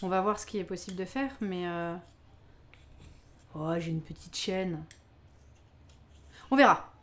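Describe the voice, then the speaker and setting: This live-stream cooking host has a fairly low-pitched voice, animated but unhurried. She bakes on camera, chatting easily with viewers, often laughing and exclaiming over what she's made.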